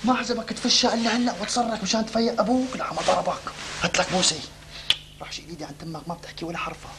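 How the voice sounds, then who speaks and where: An actor playing a young adult brother who bickers and schemes in a hushed, whispered way. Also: male voice, sits high, flat delivery, very fast, background noise. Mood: hushed scheming. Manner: hushed, conspiratorial, often whispered. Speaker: comedy actor. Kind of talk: sitcom acting.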